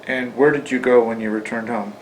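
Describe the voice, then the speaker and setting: Man interviewing, mid-pitched voice. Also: steady tone, a little fast, slight background noise, rough recording. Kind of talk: short, plain interview questions.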